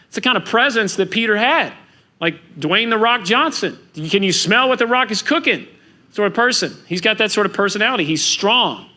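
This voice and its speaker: A man preaching a sermon as pastor, animated and acting out the voices of biblical figures. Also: sits high.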